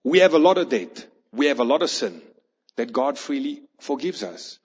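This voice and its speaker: A man's voice: mid-range voice, very animated, normal speed, husky. A man preaching a sermon, telling a parable and acting out its people. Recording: long hall reverb, dull lo-fi sound.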